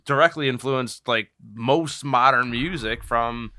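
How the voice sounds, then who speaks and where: A man in his forties, a drummer, talking casually on a podcast in a halting way, full of fillers and restarts. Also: medium pitch, sharp tone, dry recording. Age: 40s.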